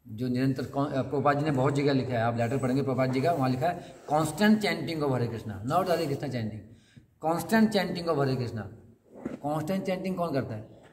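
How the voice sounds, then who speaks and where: A man's voice: medium pitch, a little mellow. Man giving a sermon in a reverberant hall. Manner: conversational, asks the audience questions and acts out quotes. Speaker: speaker of a scripture class. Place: temple hall. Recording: long hall reverb, faint noise.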